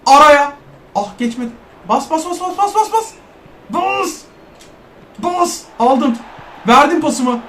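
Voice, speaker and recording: A man commentating his own football video game match in Turkish-accented speech, calling passes play by play and shouting at scoring chances. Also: very high-pitched, reverberant, slight background noise. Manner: play-by-play calls, shouting at chances, urging "bas bas". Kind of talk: excited self-commentary while playing.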